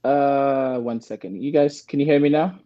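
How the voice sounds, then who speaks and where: A man's voice: mid-range voice, normal speed. A man joining as a guest over an online call whose audio keeps cutting in and out. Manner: checking whether he can be heard. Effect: call audio dropping out, muffled and cutting in and out. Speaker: guest speaker.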